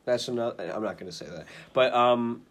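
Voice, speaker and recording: A man's voice: mid-range voice, brisk. A young man from the United States, co-hosting a casual podcast chat, joking and laughing often. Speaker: podcast co-host.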